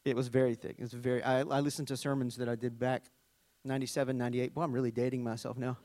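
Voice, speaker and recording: Talking at a quick pace in a mid-range voice with no echo, this middle-aged Arkansas worship leader with a Southern US accent delivers a conversational sermon. He reads scripture, cracks joking asides, and tells stories in a lively, chatty way.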